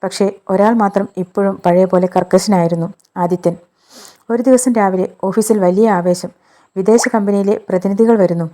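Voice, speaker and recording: Mellow woman narrating a love story. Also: mid-range voice. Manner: steady, measured storytelling. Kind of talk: scripted narration.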